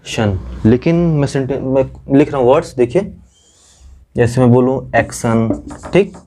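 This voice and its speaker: Teacher type, a man explaining pronunciation at a whiteboard, mellow tone, repetitive checking-in style. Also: medium pitch. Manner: repeats "theek" as he explains, addressing students. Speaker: English grammar teacher. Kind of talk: classroom lesson at a whiteboard.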